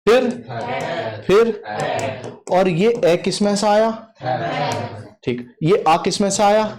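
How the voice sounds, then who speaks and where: With a crowd audible in the background, a high-voiced man teaches an exam-prep Hindi class. His explanations are slow and emphatic, and he drills students by repeating questions and answers aloud.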